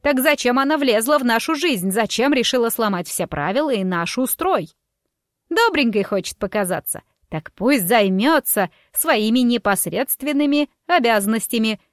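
Woman voicing a shrieky nasty busybody, yells and sneers at everyone, high and loud, dry audiobook sound. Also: animated, moderate pace, no room sound, natural voice. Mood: shrieking. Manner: shrieking, scornful and accusing. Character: shrill spiteful middle-aged woman, a scandalmonger.

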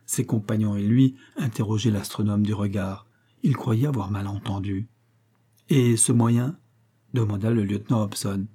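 A man reading a classic adventure novel aloud as an audiobook narrator, dramatic, raising his voice for the shouted lines. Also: fairly low pitch, fairly even intonation, moderate pace, slightly rough.

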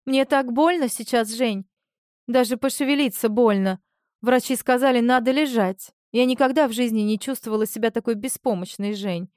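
A woman's voice: mid-range voice, normal speed, darkish tone, no echo, studio quality, natural voice. A woman voicing a manipulative young woman who pretends to be helpless, speaking in a plaintive, pleading way. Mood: tearful pleading.

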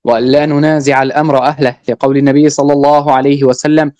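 A man reading a classical religious text aloud in a lesson, slow and measured, chanting the verses he quotes. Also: medium pitch, flat delivery, darkish tone, clean tone, no room sound.

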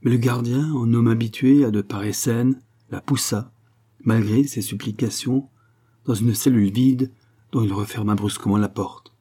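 A man narrating a classic novel as an audiobook. He reads in a measured, even storytelling manner. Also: medium pitch, slightly rough.

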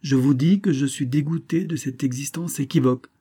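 A man's voice: mid-range voice, a little fast, mellow, slightly rough, pitched above the performer's own voice, natural voice. A man reading the part of a bored, spiteful married woman, weary, sardonic and impatient, in an audiobook.

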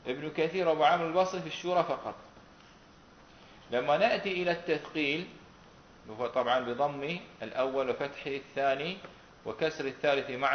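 Man teaching a class. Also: on the high side. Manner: asks students questions and repeats their answers. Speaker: Quran recitation teacher. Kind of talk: classroom lesson with questions to students. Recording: roomy, dull recording with faint noise.

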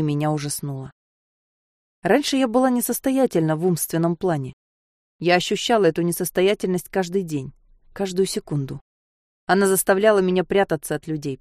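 Low-voiced woman reading a novel. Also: a little mellow, no echo, clean studio sound. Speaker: audiobook narrator. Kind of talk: first-person novel narration.

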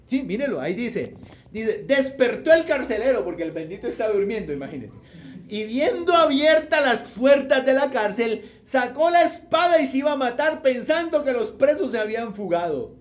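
A male pastor preaching a sermon, telling a Bible story with animated delivery and asking the congregation questions. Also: very high voice, moderate pace. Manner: acts out the people in the story.

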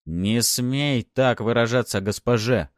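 A man voicing a stern young male bodyguard who talks gruffly and snaps when pushed. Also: low voice, normal speed, no room sound, clean studio sound, natural voice. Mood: angry. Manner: gruff, snapping.

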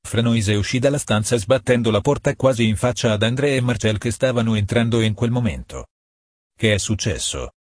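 A man reading a novel aloud as an audiobook in a steady, matter-of-fact way. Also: medium pitch, brisk, hardly any pauses, no echo, studio quality. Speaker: audiobook narrator. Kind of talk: scripted audiobook narration.

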